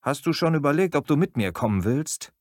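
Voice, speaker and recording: A man voicing a calm madman. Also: fairly high pitch, fairly quick, dry recording, studio quality, pitched above the performer's own voice, natural voice. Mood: detached. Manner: flat, unmoved, matter-of-fact. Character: calm, detached man gone mad.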